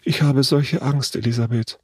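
A man voicing a frightened young schoolgirl in a read story, pitching his voice up high and pleading. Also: steady tone, moderate pace, husky, no room sound, clean studio sound, lightly acted. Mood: fearful.

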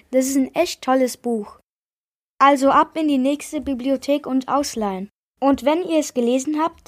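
Upbeat lady hosting a reading club, chatting to listeners, pretty high voice. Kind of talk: casual presenting.

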